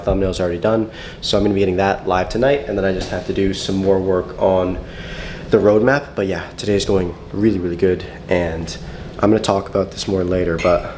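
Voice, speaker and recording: A man's voice: low-pitched, noisy background. A young man talking casually to the camera in a vlog, upbeat and rambling, with a slight cold. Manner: upbeat, chatty, loose and rambling. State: out of breath after a run. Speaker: vlogger. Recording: faint music behind.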